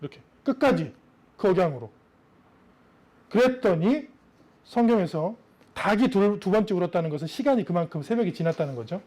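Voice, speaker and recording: High-voiced male pastor preaching conversationally. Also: lively intonation, fairly quick, long pauses, darkish tone. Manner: conversational, asks listeners rhetorical questions; acts out quoted voices of the story. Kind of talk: sermon.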